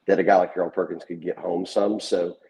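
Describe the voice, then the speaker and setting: A man's voice: low voice, brisk, rough recording. A man co-hosting a sports podcast, casually telling stories and making picks. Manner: relaxed storytelling, retells quotes.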